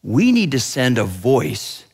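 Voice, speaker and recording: Preacher man putting on god the father, eager boss voice, brisk, reverb-y big room. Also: mid-range voice, wildly swooping pitch, vocal fry, darkish tone, husky, exaggerated voice. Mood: urgent. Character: God the Father, eager commanding male deity.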